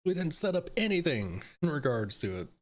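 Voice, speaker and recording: A man's voice: a little high, sing-song, a little fast. A young man hosting a live stream, casually ranting about a film with lots of swearing, laughter and mocking asides. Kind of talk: casual chat.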